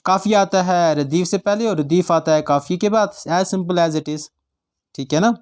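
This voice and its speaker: Speaking unhurriedly, his voice sitting high with a darkish tone, a man from Jammu and Kashmir leads an exam-prep grammar class on an online channel. He frequently checks students' understanding with questions and drills definitions for them to memorize.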